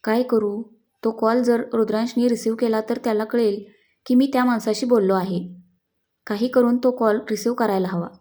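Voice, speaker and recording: Brief: woman doing sly young guy in a read-aloud story, joking, stammers under pressure, mellow tone. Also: fairly high pitch, fairly even intonation, normal speed, close to an everyday voice. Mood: worried. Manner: teasing, nervous, joking. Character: young man, playful, sly, fumbling liar.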